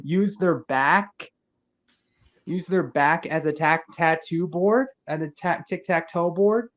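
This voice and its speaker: A man's voice: fairly high pitch, takes it slowly, no echo. Chatty male podcast host, dry lo-fi. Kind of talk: casual podcast chat.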